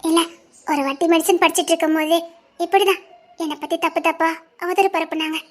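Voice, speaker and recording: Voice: extremely high pitch, fairly even intonation, fast. A performer voicing an anxious young wife and former medical student with a Tirunelveli Tamil accent in a dubbed family drama, speaking with worry and earnestness. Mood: earnest. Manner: worried, earnest, talking plainly about past hurt.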